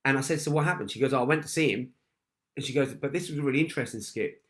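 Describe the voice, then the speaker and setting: Telling a personal story in a motivational talk, this speaker repeats points for emphasis and keeps addressing the audience as "guys." His pitch is medium and his pace quick.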